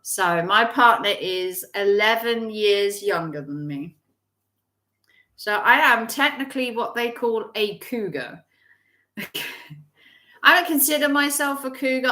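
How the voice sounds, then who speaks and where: A woman's voice: mid-range voice, pushed and bright, echoey room. A woman in her forties, chatting casually on a livestream and reading viewer comments, rambling with frequent restarts. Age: 40s. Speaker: livestream host.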